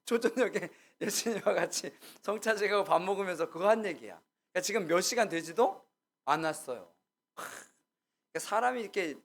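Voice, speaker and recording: Casual storytelling male pastor. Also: high-pitched. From Gyeongsang region. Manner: casual storytelling, asks the congregation questions and acts out quotes. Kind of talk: conversational sermon.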